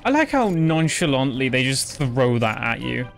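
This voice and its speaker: A man's voice: mid-range voice, very animated, moderate pace, gravelly, fairly bright tone, faint music behind. A young man casually commenting while playing a video game, joking and sometimes swearing. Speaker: streamer.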